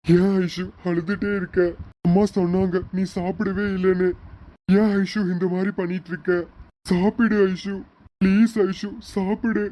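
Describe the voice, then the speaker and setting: A performer voicing a caring young husband who coaxes and pleads in a gentle way in an amateur Tamil serial. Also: medium pitch, flat delivery, unhurried, close to an everyday voice. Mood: coaxing. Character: caring young husband comforting his wife. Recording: dull lo-fi recording.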